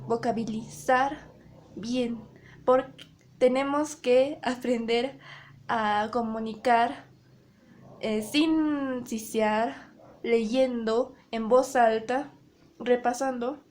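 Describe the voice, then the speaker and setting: A young woman giving a class presentation on public speaking, often pausing and correcting herself as she searches for words. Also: fairly high pitch, darkish tone, a little hiss or hum. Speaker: student presenter.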